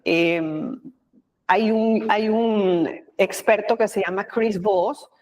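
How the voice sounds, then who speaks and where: A woman with a Panamanian Spanish accent and a mid-range voice, speaking as the guest in an interview. She talks in an animated, expressive way, acting out little quoted lines. Her speech is loose and chatty, with frequent fillers. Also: medium pitch, slow pace. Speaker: guest, communication expert. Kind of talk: conversational interview.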